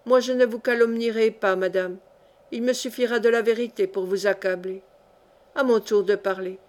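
Audiobook part: woman reading a bitter aristocrat, cold and measured. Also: fairly high pitch, steady tone, a little mellow, natural voice.

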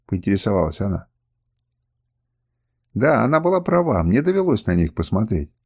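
Man narrating an audiobook, lively tone. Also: fairly low pitch, normal speed, creaky, husky. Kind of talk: first-person audiobook narration.

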